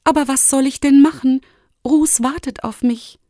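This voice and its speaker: A woman's voice: steady tone, normal speed, warm tone, no room sound, studio quality, natural voice. Woman doing an eager young girl forest animal. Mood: anxious. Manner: high, urgent and indignant.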